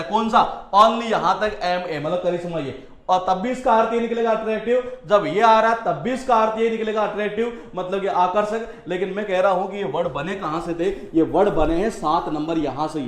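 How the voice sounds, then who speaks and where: High-voiced male teacher in an echoey room. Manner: explains with memory tricks and everyday stories, repeats phrases. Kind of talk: vocabulary lesson.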